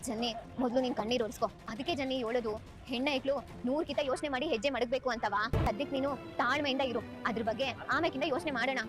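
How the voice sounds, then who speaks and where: A sensible young college friend, played by an actress, who scolds but cares. Her voice is high and her words come very fast, with music underneath. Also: natural voice. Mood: scolding, caring. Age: young adult. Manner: scolding yet caring. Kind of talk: TV serial acting. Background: background music score.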